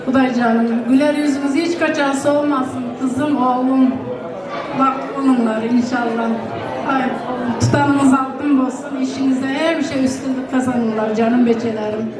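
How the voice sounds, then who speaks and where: Very echoey, even-toned woman giving wedding blessings. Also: high-pitched, moderate pace. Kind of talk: informal blessing speech at a wedding. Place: wedding celebration venue. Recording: very echoey hall, far-off, crowd noise. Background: crowd of guests.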